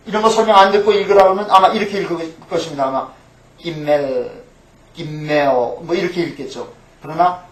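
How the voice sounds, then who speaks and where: A middle-aged pastor teaching a Hebrew class, patiently repeating each letter name and asking questions that he then answers himself. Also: high-pitched. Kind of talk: recorded language lecture. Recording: echoey room, mic at a distance.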